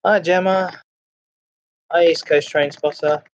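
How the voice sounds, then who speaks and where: Male livestream host, unhurried and halting delivery, informal chat with viewers, muffled low-fidelity mic. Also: fairly even intonation. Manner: halting, repeats phrases. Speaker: live streamer, host of a chat and ASMR stream. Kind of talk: casual livestream chat, greeting viewers and reading comments. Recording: dull lo-fi microphone sound.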